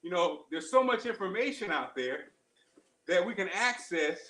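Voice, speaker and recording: A man with a high, bright voice talks while running on a treadmill in a roomy, echoing space. He gives a casual motivational pep talk like a show host, in short exerted phrases, repeating key lines with firm emphasis. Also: animated, normal speed. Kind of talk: casual motivational livestream chat. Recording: roomy, echoing live-stream sound.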